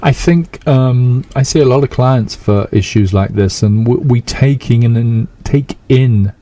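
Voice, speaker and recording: A man, a hypnotherapist calmly explaining his work in a radio interview with everyday examples. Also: medium pitch, a little slow. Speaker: hypnotherapist guest.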